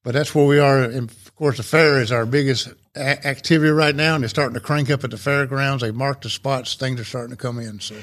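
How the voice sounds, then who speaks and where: A man's voice: medium pitch, fairly even intonation, a little fast, few pauses, fairly bright tone. Chatty older man. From Rome, Georgia, USA. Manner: talkative, folksy, rambling explanations. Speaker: civic club president, guest. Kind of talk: casual interview chat.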